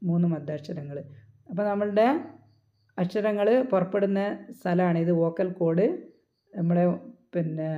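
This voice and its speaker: Mellow-voiced woman teaching Quran recitation. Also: lowish voice, highs cut off. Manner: explains step by step, asks and answers her own questions; mixes English terms into her speech. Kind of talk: online tajweed lesson.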